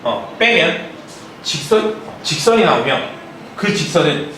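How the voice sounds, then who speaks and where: A young male math tutor scolding and lecturing his class, his voice a little high for a man. He keeps breaking off to ask if they follow. The sound is very echoey, picked up from well across a noisy room. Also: very animated, fairly bright tone, far from the mic. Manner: scolding, lots of quick check-in questions. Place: academy classroom.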